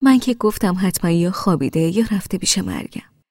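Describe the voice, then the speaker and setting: A woman's voice: fairly low pitch, animated, darkish tone, no room sound, studio quality. A woman voicing a pleading peacemaker sister. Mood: urging. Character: adult sister, reasonable peacemaker.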